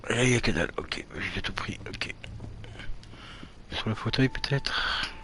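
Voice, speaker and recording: A man's voice: fairly low pitch, expressive, measured pace, bright, forceful tone, slight background noise. A swearing, muttering man streaming a game. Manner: mutters to himself, swears often. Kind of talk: casual gaming commentary.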